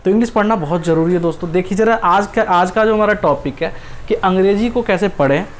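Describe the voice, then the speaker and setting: Guy teaching english reading, spells stuff out slow, keeps checking you get it, bit of faint noise behind. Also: sits high. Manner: explains patiently and checks understanding often; spells words out letter by letter. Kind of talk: spoken English reading lesson.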